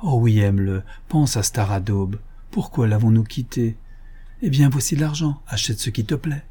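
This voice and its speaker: A man voicing a tearful, pleading young woman in an audiobook, reading her lines softly. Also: medium pitch, moderate pace, breathy edge, lightly acted.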